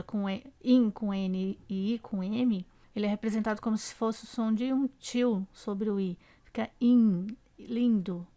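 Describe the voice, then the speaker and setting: A woman with a Brazilian Portuguese accent teaching a slide-based grammar lesson, slow and careful, repeating example words aloud. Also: mid-range voice, mellow.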